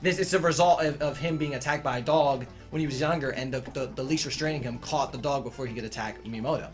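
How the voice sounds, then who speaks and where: A man co-hosting a casual video game chat, excitable and stammering, full of jokes. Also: medium pitch, fast, faint music behind. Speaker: co-host of a gaming channel.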